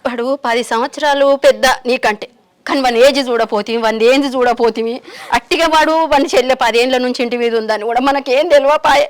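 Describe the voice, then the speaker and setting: A grieving rural mother, played by a woman with a Telangana accent, pleading over and over in a high, quick voice. Her words tumble out fast in a repetitive lament. Faint music plays behind her. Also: close to an everyday voice. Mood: tearful. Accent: Telangana Telugu. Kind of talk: village short film acting.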